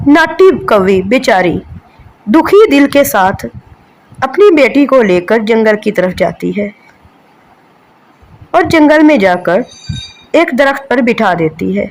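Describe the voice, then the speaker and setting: A woman's voice: on the high side, very animated, takes it slowly, long pauses, poor audio. A woman narrating a children's cartoon story in a sympathetic storytelling manner.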